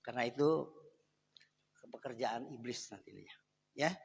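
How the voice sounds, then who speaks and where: A pastor speaks in a mid-range, gravelly, husky voice at an unhurried pace, preaching conversationally and directly from a church sanctuary. Frequent asides address the congregation as saudara, and the live mic captures long hall reverb.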